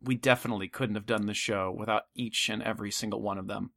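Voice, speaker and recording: A man's voice: on the low side, steady tone, fast, creaky, a bit bright. A man hosting and producing a horror podcast, speaking to listeners in an earnest, reflective way. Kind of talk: anniversary message to listeners.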